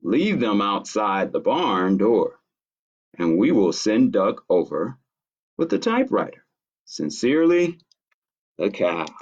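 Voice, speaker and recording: Man reading as formal, insistent farm animals, slow. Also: lowish voice, sing-song, voice pushed down, full character voice. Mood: politely insistent. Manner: measured letter-reading, formal. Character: polite but stubborn farm animals writing demand notes. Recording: dull lo-fi stream audio.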